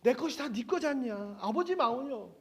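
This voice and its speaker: A man giving a sermon as a Bible teacher, animated and chuckling often as he acts out the voices in his passage. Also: extremely high pitch, fairly quick.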